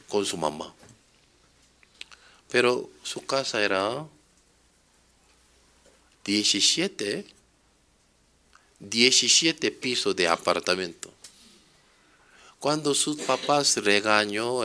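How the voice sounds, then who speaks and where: A man's voice: fairly low pitch, creaky, sharp tone. A man preaching a sermon, telling stories emphatically and asking rhetorical questions.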